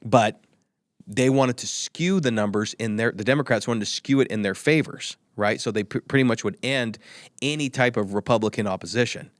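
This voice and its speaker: A man's voice: mid-range voice, moderate pace, dry recording. A man speaking as a guest on an interview podcast, arguing his points emphatically and often repeating himself. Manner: emphatic, repetitive, argumentative. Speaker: guest, tech company executive. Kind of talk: opinionated interview talk.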